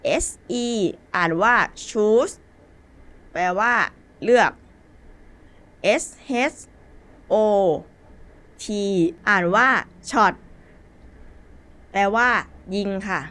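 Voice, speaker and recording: Slow patient Thai woman teacher. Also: mid-range voice, fairly bright tone. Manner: slow, patient spelling out of words letter by letter. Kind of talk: basic English lesson.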